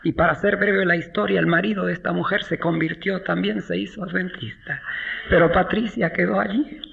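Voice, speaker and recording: Gravelly high-voiced male preacher. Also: fairly even intonation, fairly bright tone. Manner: slows down for emphasis, acts out quoted voices. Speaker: pastor. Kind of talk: sermon storytelling. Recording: dull lo-fi sound with faint noise.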